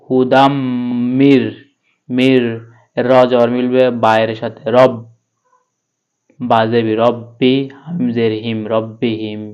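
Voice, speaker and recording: A man teaching Quran reading letter by letter, spelling each syllable and then chanting the verse slowly. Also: medium pitch, flat delivery, a little mellow, smooth, highs cut off.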